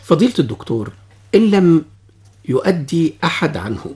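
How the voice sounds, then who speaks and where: Husky Egyptian man presenting in formal Standard Arabic. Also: fairly high pitch, very animated, fairly quick, warm tone. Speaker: radio host. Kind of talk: formal radio presenting, reading a listener's letter.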